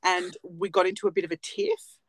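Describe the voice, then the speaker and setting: Co-hosting a laid-back podcast from a small home cupboard, this late-thirties nail technician cracks jokes at her own expense and laughs frequently. Her lowish voice comes across flat and a little fast, in a dry, rough recording.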